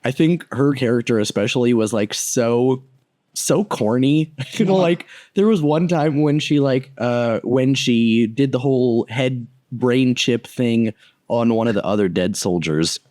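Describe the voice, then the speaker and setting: A man's voice: medium pitch, lively intonation, measured pace, a little mellow, no room sound, clean studio sound. A young man co-hosting a casual movie review podcast, rambling with lots of fillers, swearing and laughing often. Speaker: podcast co-host.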